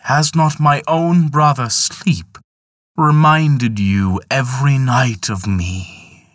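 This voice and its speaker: A man voicing Death in a spoken folk tale, speaking in a slow, measured, solemn way. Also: medium pitch, a bit bright, no room sound, clean studio sound, pitched above the performer's own voice. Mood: accusing. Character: Death, stern male personification of death.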